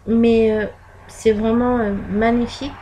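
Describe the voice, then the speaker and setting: Woman vlogger, slightly high voice, unhurried and hesitant, full of fillers; laptop mic, faint background noise. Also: flat delivery. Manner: hesitant, many fillers and pauses. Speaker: vlogger showing her postcard collection. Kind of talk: casual show-and-tell. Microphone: laptop built-in microphone.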